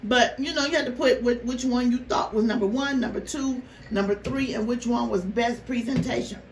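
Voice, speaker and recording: Woman vlogger, high gravelly voice, casual animated storytelling, exasperated, roomy noisy distant recording. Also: normal speed. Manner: animated, exasperated storytelling with repeated phrases and rhetorical questions. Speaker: mukbang vlogger. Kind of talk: casual storytelling chat to viewers.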